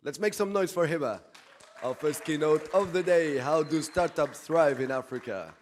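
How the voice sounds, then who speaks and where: A man acting as moderator, introducing a speaker at a conference, halting with many "uh" fillers. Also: on the high side, a little hiss or hum. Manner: halting, many "uh" fillers, then rouses the crowd. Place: conference stage in Tunis.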